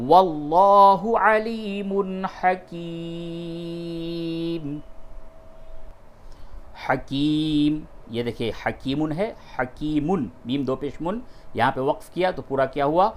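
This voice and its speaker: A man teaching Quran recitation rules step by step, patiently explaining and repeating key terms between slow, drawn-out recited phrases. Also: a little high. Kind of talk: step-by-step tajweed lesson.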